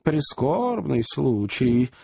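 A man's voice: mid-range voice, very animated, very slow, creaky, mellow, breathy edge, dry recording, clean studio sound, full character voice. A man voicing a fussy little male lawyer who keeps imploring and repeating his polite address, in an audiobook. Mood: anxious. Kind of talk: audiobook character voice.

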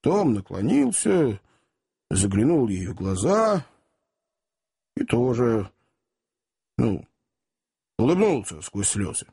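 A man telling a story in the first person as an expressive audiobook narrator, chatting as if to a room of gentlemen. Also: mid-range voice, slow pace, gravelly, pauses often, husky.

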